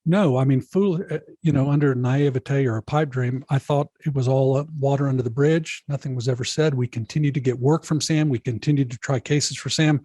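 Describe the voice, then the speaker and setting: A middle-aged man with a somewhat husky voice tells a story from his own past as a podcast guest. He speaks earnestly and keeps turning to the host by name. The recording sounds dry and close. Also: medium pitch, fairly even intonation, brisk, few pauses, a little mellow, no echo. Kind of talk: storytelling in an interview.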